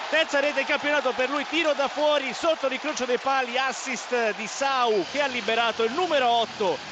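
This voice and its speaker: A man's voice: very high voice, fairly quick. A man giving breathless, urgent Italian goal commentary live on football radio. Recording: dull, noisy outdoor radio link.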